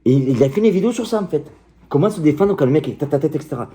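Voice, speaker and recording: Middle-aged male coach, deep warm timbre, combative and passionate, talks straight to camera. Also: animated, rapid-fire. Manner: combative, heated, passionate, crude. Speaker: martial arts coach. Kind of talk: direct-to-camera rant.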